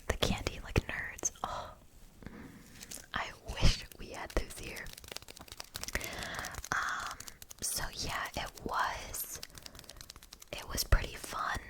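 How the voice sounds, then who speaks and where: A woman in her twenties from Germany, whispering softly in a casual ASMR question-and-answer chat, with lots of fillers. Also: rough recording. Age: 20s. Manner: soft unvoiced whisper, chatty with fillers. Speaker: ASMR YouTuber.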